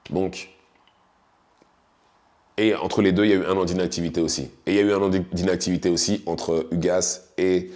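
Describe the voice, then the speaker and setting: A man's voice: sits low, steady tone, normal speed, long pauses, a little mellow. A man giving casual, hesitant spoken analysis of a boxing match, often restarting his sentences as he thinks aloud. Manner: hesitant, many restarts and fillers, conversational. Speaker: boxing commentator.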